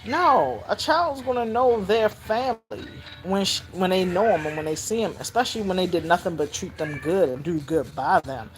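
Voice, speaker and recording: An older woman, telling stories about raising her granddaughter in a casual, animated way, jumping into high squeals when she acts out voices. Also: normal speed, hardly any pauses, slight background noise. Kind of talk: casual storytelling vlog.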